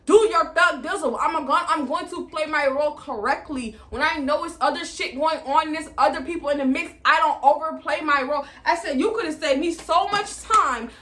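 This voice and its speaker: A woman, with a high, bright voice. She talks in an animated, profane way and acts out her side of arguments as she goes. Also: normal speed, hardly any pauses. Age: 20s. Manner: animated, profane retelling with re-enacted dialogue. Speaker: vlogger. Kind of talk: storytime vlog.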